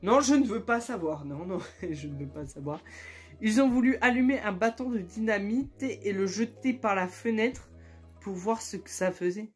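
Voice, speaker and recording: A young man retelling absurd stories in a casual, joking, slangy way, laughing often and breaking into loud squeals of outrage. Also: high voice, lively intonation, moderate pace, soft background music. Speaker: YouTuber. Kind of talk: casual comedic storytelling and reading aloud.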